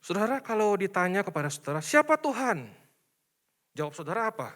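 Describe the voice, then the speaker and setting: A man preaching a sermon in a church, animated, swinging between soft asides and loud emphasis while addressing the congregation. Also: high voice, brisk. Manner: addresses congregation repeatedly as brothers and sisters. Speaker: pastor.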